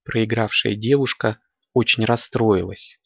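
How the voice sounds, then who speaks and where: A man's voice: lowish voice, fairly even intonation, unhurried, vocal fry, lo-fi sound, over music. A man reading scripted narration as a composed cartoon storyteller. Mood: matter-of-fact.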